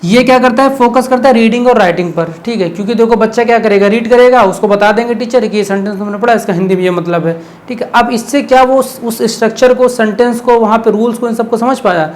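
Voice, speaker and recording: A male teacher giving an exam-prep lecture in a relaxed, conversational tone. He explains by asking himself questions and keeps checking in with "okay?". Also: extremely high pitch, fast.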